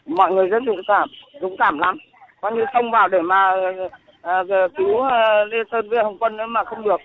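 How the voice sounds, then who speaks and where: A woman calling in as an eyewitness, speaking in a halting, indignant way over the phone. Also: medium pitch, steady tone, a little hiss or hum. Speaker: eyewitness caller. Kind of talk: phone interview. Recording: tinny phone line.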